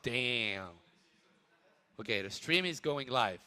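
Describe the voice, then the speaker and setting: A male esports caster talks through a live stream at a middle pitch. He chats casually and playfully with his partner and slips in the odd French word now and then. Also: animated, takes it slowly, pushed and bright, clean tone. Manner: chatty, playful, breaks into French words.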